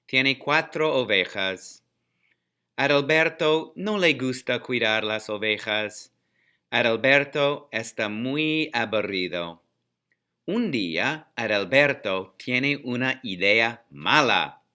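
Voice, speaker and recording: Slow, bright-voiced man telling a simple story. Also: medium pitch, animated. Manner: slow, clear, repetitive. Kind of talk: simple storytelling for language learners.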